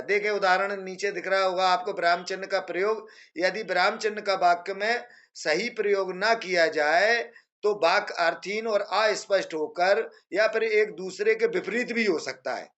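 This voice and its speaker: A male teacher giving a screen-based grammar lesson, explaining patiently and repeating examples slowly. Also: high-pitched, pushed and bright, lo-fi sound.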